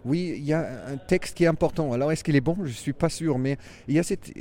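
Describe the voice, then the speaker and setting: A man with a German accent, a circus performer answering interview questions in a halting, reflective way with many restarts. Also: fairly high pitch, dark tone.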